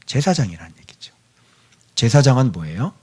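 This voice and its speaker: A man's voice: mid-range voice, sing-song, moderate pace, a little mellow, husky. A male pastor preaching a sermon in a church, chatting with the children by name and sometimes dropping to a near-whisper. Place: church sanctuary.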